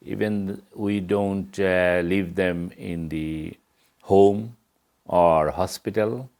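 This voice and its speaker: A man's voice: sits low, steady tone, very slow, a little mellow. A middle-aged man from Bangladesh, speaking earnestly in as an interview guest. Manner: earnest, plain-spoken, non-native English grammar. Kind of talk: interview answers.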